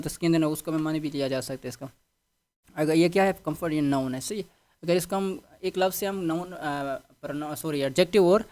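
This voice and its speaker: A man with a fairly high voice teaching a vocabulary lesson. He repeats words, spells them out letter by letter, and checks in with the class after every item. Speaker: English teacher.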